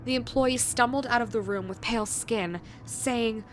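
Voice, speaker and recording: A woman reading a scripted creepypasta horror narration in a measured way, with dramatic pauses. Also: on the high side, a little hiss or hum. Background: background music.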